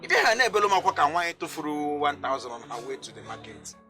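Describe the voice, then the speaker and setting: Blunt Nigerian friend. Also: male voice, a little high, a little fast. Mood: chiding. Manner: lecturing, animated. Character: blunt young man consoling his crying friend. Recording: background music.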